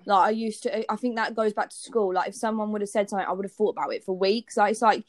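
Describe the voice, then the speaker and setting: A woman's voice: mid-range voice, steady tone, quick pace, no room sound. Chatty young woman, dry sound. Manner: chatty, fillers like "like", candid. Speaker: podcast co-host. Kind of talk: casual chat.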